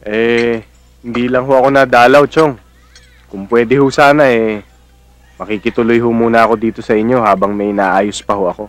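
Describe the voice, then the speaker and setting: An actor playing a modest, respectful young provincial nephew in a Filipino film drama, speaking plainly with a Filipino accent. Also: male voice, medium pitch, fairly even intonation, normal speed, no echo, lightly acted. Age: young adult.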